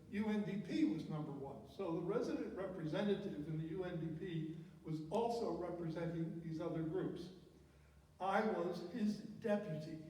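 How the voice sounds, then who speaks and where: An older man with a warm voice that sits high tells an audience personal stories from his career, speaking emphatically and often repeating words for effect. The distant mic catches a very echoey hall and faint noise.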